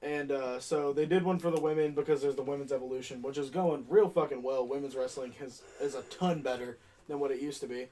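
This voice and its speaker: A man's voice: mid-range voice, fairly even intonation, brisk, few pauses, warm tone. A man co-hosting a casual podcast, brash and profane as he chats with friends. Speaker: podcast co-host. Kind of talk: casual chat.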